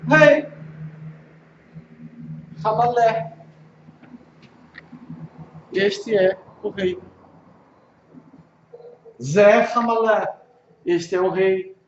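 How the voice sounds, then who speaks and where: Brazilian guy teaching hebrew slow, kinda high voice, echoey room and dull audio. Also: slight background noise. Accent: Brazilian Portuguese. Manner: patient, repeats pronunciations slowly, checks understanding. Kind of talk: informal one-on-one language lesson.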